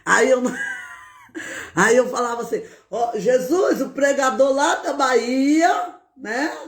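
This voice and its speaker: A woman preacher giving a fervent testimony, often breaking in with words of praise and now and then shouting out. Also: high-pitched, slow pace. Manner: bursts into shouted exclamations. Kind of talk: fervent spoken testimony on a live stream.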